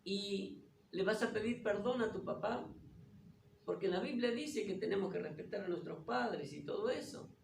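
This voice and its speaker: A man preaches a testimony-based sermon and drives each point home with repeated questions. His voice sits high for a man and has a gravelly edge. He is heard from a distance in an echoey church room, with faint noise underneath. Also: expressive, normal speed. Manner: retells dialogue with questions and repetition.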